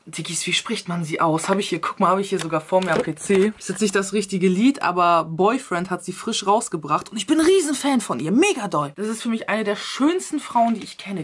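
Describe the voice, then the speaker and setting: A woman's voice: fairly low pitch, slight background noise. Chatty slangy woman vlogger. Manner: chatty and slangy, addresses viewers directly. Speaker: YouTuber answering a question series. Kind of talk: casual vlog chat.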